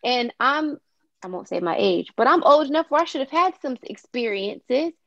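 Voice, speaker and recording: A woman teacher chats about a book with colleagues, her voice sitting a little high. She circles back with fillers as she thinks aloud. The audio is dull and dry, as over a video call. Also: expressive, moderate pace, fairly bright tone, dry recording. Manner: chatty, hesitant with fillers. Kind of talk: book club discussion.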